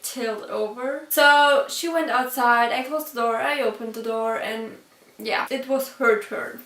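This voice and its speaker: Casual girl with a high voice doing a storytime vlog, laughs a lot, kinda far from the mic. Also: measured pace, fairly bright tone. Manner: chatty, laughs often between sentences; checks her own pronunciation aloud. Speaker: vlogger. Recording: roomy echo from a distance.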